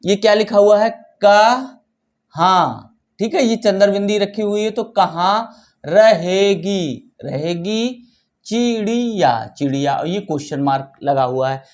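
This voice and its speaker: A man teaching a children's reading lesson, reading each word slowly and repeating it twice so the children can echo him. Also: high-pitched, lively intonation. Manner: addresses children kindly as "बच्चों".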